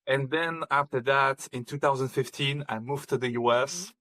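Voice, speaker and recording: A man's voice: mid-range voice, normal speed, sharp tone, no room sound. Hesitant man from Kazakhstan. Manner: hesitant, many ums and restarts. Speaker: podcast guest. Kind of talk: conversational interview.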